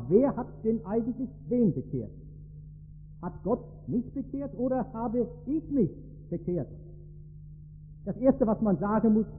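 High husky guy preaching, tinny old recording with lots of hall echo. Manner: emphatic, storytelling preacher. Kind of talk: sermon. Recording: tinny phone-like sound in a reverberant hall.

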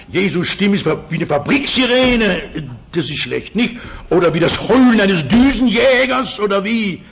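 An older man preaching an Easter sermon to a congregation, earnest, asking the listeners questions and slowing down for scripture. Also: a little high, gravelly. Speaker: pastor. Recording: dull lo-fi old sermon recording.

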